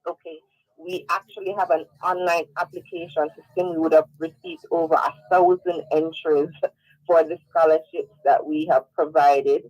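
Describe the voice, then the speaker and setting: A woman's voice: low voice, fairly even intonation, normal speed, no echo, lo-fi sound. A woman, a company sales and marketing head, explaining a program in a businesslike way as a radio guest. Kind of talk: radio interview.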